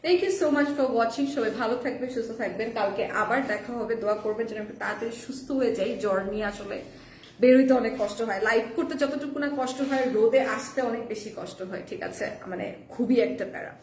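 A hoarse woman hosting a live selling stream, chatting casually and mixing in English phrases, heard in an echoey room with the mic at a distance. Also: a little high, fast, slight background noise. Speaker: live-sale host.

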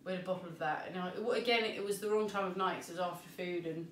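A woman's voice: lowish voice, quick pace, slight background noise. A woman co-hosting a podcast, talking casually and informatively about wine. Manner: relaxed, informative, frequent agreeing. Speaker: podcast co-host. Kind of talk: casual wine-tasting chat. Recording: echoey room, distant mic, faint ambience.

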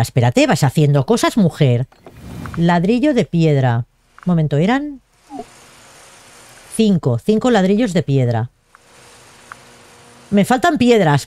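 A woman's voice: mid-range voice, warm tone. A young woman giving casual, chatty gameplay commentary and talking to herself as she plays. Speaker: gaming video host.

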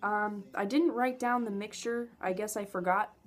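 A woman's voice: mid-range voice, steady tone, moderate pace. A young adult woman giving a casual, enthusiastic product review to camera in an informal way. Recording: noticeable background noise, home camera audio.

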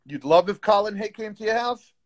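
High-voiced man taunting a caller. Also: lively intonation, brisk. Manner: taunting, profane, insulting. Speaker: host of a live stream. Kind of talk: confrontational live-stream chat.

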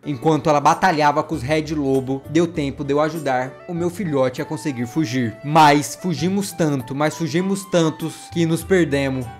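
A man's voice: fairly high pitch, moderate pace, few pauses, faint music behind. A man narrating a survival game in character as a wolf father, with dramatic storytelling and playful exclamations. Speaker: gameplay vlogger voicing his wolf character.

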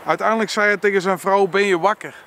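Dutch male reader, higher voice, earnest, faint traffic behind. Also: steady tone, a bit bright. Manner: slow earnest reading, stumbles and self-corrects. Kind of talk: reading a book passage aloud with personal reflection.

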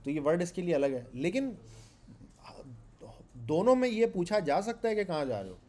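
A man with a Pakistani Urdu accent lectures a class on programming, his voice pitched a little high yet dark and mellow in tone. He talks conversationally, asking his students questions and going back over each point. The delivery is that of a teacher in front of a live room. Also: big pitch swings, moderate pace. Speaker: programming instructor.

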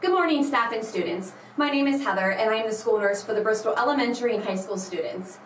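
A woman's voice: fairly high pitch, fast. A woman school nurse reading a health announcement to staff and students over the school intercom, in a plain, instructive way. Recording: echoey and distant with faint hiss.

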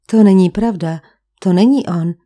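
A frightened young hotel maid with a faint Italian accent speaks anxiously and defensively, as a woman reads her in an audiobook. Her voice is warm and mellow, at a middling pitch. She sounds wary and on edge throughout. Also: lightly acted. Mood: nervous. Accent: slight Italian. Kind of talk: audiobook character voice.

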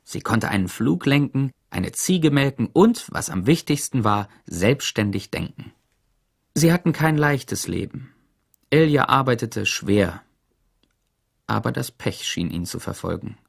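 A man narrating an audiobook in an expressive storytelling manner. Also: medium pitch, measured pace, creaky. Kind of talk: scripted narration.

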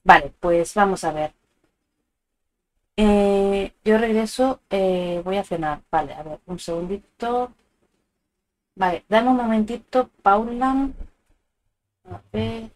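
A woman's voice: medium pitch, slow, pauses often, darkish tone. A woman with a Spanish accent from Spain, chatting casually and affectionately with viewers as she streams a video game. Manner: chatty, informal, addressing viewers with endearments. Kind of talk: casual livestream chat while playing a video game. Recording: music playing behind the voice. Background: game music and stream sound alerts.

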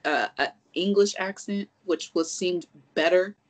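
A podcast co-host in casual chat, animated and profane, rambling through restarts and acting out reactions. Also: mid-range voice, a little slow, rough recording.

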